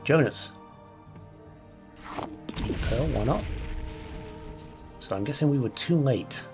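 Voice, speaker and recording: A man's voice: medium pitch, expressive, slow, over music. A man hosting a let's play, casually reading off items, swearing and chuckling as he plays. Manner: mutters item names, swears, chuckles often. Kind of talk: casual gameplay commentary.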